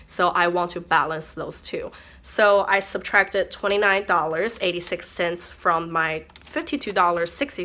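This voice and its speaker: A woman talks casually to her viewers as a beauty vlogger, her voice worn by illness. Her tone sits a little low but comes through bright and sharp. She chats easily and keeps reassuring herself. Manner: chatty, self-reassuring, talks through numbers. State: sick voice. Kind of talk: casual chat to camera.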